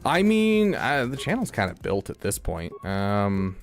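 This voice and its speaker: Low-voiced chatty male streamer. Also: wildly swooping pitch, measured pace. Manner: rambling, filler-heavy, chatty. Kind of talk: casual gaming stream chat.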